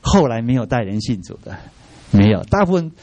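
A middle-aged man leads a church training class with lively energy, frequently posing rhetorical questions and mixing English words into his speech. His voice is medium-pitched and a little fast.

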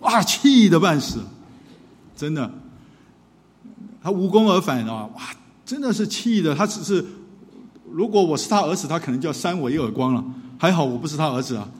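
A man, a pastor and counselor, telling a story in a sermon with lively acted-out dialogue. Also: a little high, a little fast. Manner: animated storyteller who acts out dialogue. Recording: long hall reverb.

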